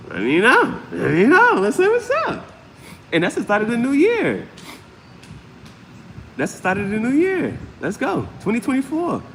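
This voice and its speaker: A man hosts a casual, off-the-cuff live tarot reading in an extremely high voice at a moderate pace, leaving long pauses. He often repeats phrases and sprinkles in slang and sound words. The recording has a roomy, long reverb and clear, steady background noise.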